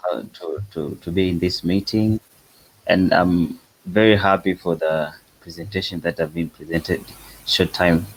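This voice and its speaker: A man with a Tanzanian accent speaking haltingly in an online meeting, pausing often. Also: sits low, fairly even intonation, low-quality recording. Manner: halting, many hesitations. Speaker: summit participant. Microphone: video call. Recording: video call with loud hum.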